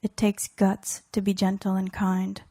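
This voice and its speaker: Reading her own poetry, a woman delivers short fragments with weighted pauses and deliberate care. Her soft, mellow voice stays within a very narrow pitch range, completely flat, and the sound is close and dry with no echo.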